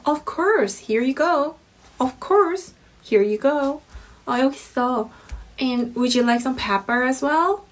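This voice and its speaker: A woman teaching an English lesson, repeating example sentences slowly and clearly. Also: on the high side. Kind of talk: language lesson.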